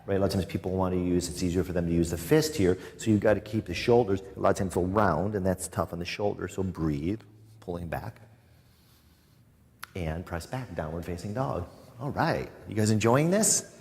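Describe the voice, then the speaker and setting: A man guiding a live yoga class, giving calm cues broken up by chatty, joking asides to his students. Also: sits low, normal speed. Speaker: yoga instructor. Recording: long reverb in a studio room.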